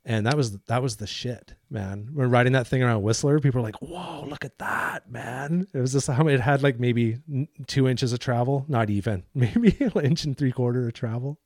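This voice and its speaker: A man's voice: medium pitch, brisk, hardly any pauses, a little mellow, no room sound, studio quality. A man hosting a casual interview, laid-back and slangy, reminiscing and asking questions. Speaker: podcast host.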